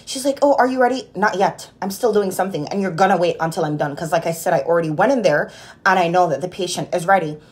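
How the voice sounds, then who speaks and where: A fast-talking Jamaican nurse vlogger in her twenties, with a lowish voice, tells an animated, exasperated story from her job. She films the casual vlog on a phone at arm's length in a small room at home.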